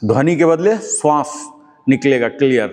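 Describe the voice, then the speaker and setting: A man's voice: medium pitch, animated, normal speed, darkish tone. A man teaching a yoga class, giving patient step-by-step instructions on breathing and chanting. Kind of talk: guiding a live yoga class.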